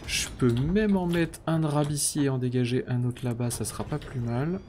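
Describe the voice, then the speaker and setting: A man in casual live-stream commentary at a middle pitch, talking half to himself as he places parts and counts them off. He keeps breaking into mock-pompous, self-ironic asides. A faint hiss sits under the voice. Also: moderate pace, a little mellow. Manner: thinking aloud, counting and muttering while building. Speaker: streamer playing a factory-building game.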